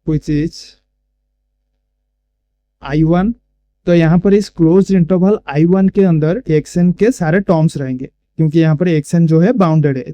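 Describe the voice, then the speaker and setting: Bright-voiced man explaining math. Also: a little high, dry recording, dull audio. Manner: slow, step-by-step explaining, mixing Hindi and English. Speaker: math teacher. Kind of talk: blackboard-style math lecture.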